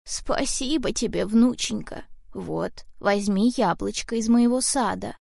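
A woman doing a slow, creepy old witch. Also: mid-range voice, vocal fry, dry recording, clean studio sound. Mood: coaxing. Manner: slow, soft, coaxing, hushed. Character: sinister old witch posing as a frail granny. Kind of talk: audiobook character voice.

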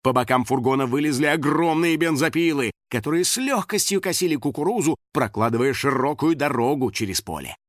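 A man narrating a children's audiobook in an expressive, storytelling manner, recorded close to the microphone. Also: mid-range voice, brisk, few pauses, no room sound.

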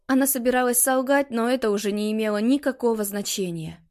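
A woman reading an audiobook in a measured, expressive way. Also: a little high. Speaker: audiobook narrator. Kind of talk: scripted audiobook narration.

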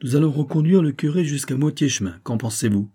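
A man voicing a lively young viscount who speaks in an eager way. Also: a little high, a little fast, voice pushed up.

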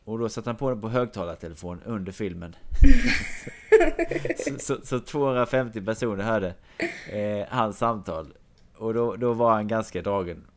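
A man with a somewhat low voice tells a long anecdote in casual conversation. He wanders from detail to detail as he goes. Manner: long meandering anecdote told to a listener. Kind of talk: casual chat.

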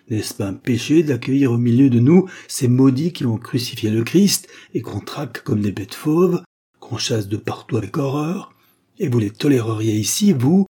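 A man reading aloud, voicing a brutal male village horse thief who stirs up a crowd with loud, accusing shouts. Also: mid-range voice, breathy edge.

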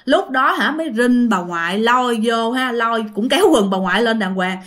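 A woman's voice: fairly high pitch, lively intonation, moderate pace, a bit bright. Chatty Southern Vietnamese woman telling ghost stories. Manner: chatty, addresses listeners directly. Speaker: storyteller. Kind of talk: casual ghost story narration.

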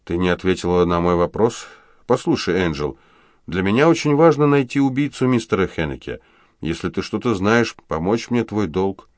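A man voicing a calm, polite police chief who speaks in a measured way. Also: deep voice, dry recording, clean studio sound, pitched above the performer's own voice. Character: calm pipe-smoking male police chief, patient.

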